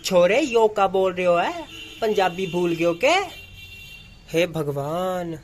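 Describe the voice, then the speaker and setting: A man's voice: sits high, a little hiss or hum, poor audio. A young man from Punjab, a dance content creator talking through a casual daily vlog in a chatty, rambling, playful way. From Punjab, India. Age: young adult.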